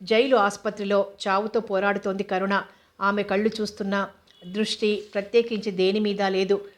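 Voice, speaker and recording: A woman narrating a novel with a steady storytelling manner. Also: medium pitch, normal speed. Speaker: audiobook narrator.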